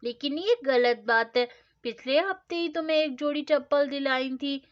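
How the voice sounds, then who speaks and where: A woman voicing a strict but loving mother who scolds loudly, in a storybook doll-play story. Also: high-pitched, moderate pace, lightly acted. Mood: caring. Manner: loud, scolding. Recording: dull lo-fi sound.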